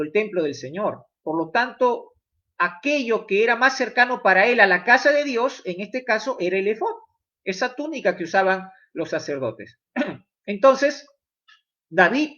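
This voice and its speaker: A man's voice: high voice, pushed and bright, dull audio. A man preaching a sermon, emphatic, putting questions straight to his listeners.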